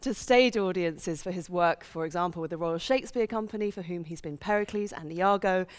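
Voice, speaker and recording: A woman's voice: fairly low pitch, fairly quick. A woman hosting an onstage interview in a theatre, speaking as an enthusiastic presenter. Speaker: interview host. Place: large theatre stage.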